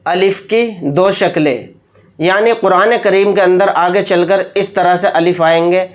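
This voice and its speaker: A Quran reading teacher giving a beginner alphabet lesson, stretching out each letter name slowly and clearly, then explaining it in a calm, patient way. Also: mid-range voice.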